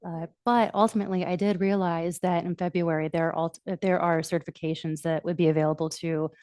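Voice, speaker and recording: A woman speaking as the chair of a township board meeting, making formal remarks in halting, measured phrases. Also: on the low side, level tone, a little mellow, dry recording, clean studio sound.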